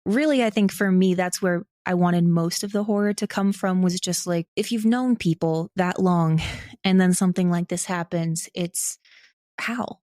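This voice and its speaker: A woman who creates audio dramas, appearing as a podcast guest, speaks candidly and casually in a fairly low voice at normal speed. Recorded studio-clean with no room sound, she says "like" often and animatedly acts out her own thoughts.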